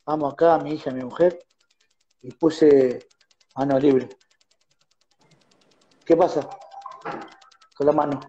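An animated Argentine man tells stories in a casual radio interview. He acts out quarrels as he goes, in a slightly high voice on muffled, lo-fi studio audio. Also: slow, long pauses. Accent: Argentine Spanish. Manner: animated storyteller acting out phone quarrels. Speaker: musician guest.

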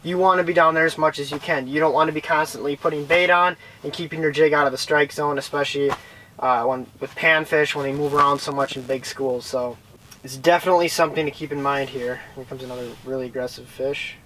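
Young male fishing vlogger, slightly high voice, casual how-to chat, small shelter, faint hiss. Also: fairly even intonation, fast, fairly bright tone, poor audio. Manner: chatty, explaining while fishing. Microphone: camera-mounted shotgun mic with windscreen.

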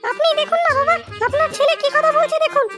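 A woman doing a shrill nagging wife. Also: flat delivery, quick pace. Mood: scolding. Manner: scolding, shrill, demanding. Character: angry nagging young wife. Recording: loud background music.

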